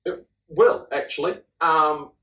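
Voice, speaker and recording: A man's voice: on the high side, steady tone, takes it slowly, bright, forceful tone. Wry New Zealand man in a roomy room. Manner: reads points aloud and rebuts them in a chatty, wry way. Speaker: podcast co-host. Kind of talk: casual chat. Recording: roomy room, mic at a distance.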